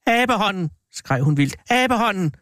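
A man's voice: on the high side, steady tone, dry recording, studio quality, natural voice. A man reading an audiobook, voicing a grieving old woman who pleads wildly and shrilly. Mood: frantic.

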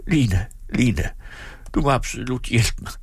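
A man voicing a blustering, greedy man who swings between rage and self-pity, ranting and accusing in a husky voice. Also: sing-song, no room sound. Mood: whining, self-pitying. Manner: ranting, accusing, shrill when furious.

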